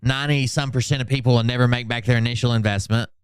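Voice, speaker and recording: A fast-talking man with a mid-range voice and fairly even intonation hosts a livestream, heard in clean tone and studio quality with no echo. His casual chat mocks social media posts sarcastically, full of swearing, going mock-dramatic as he reads them out.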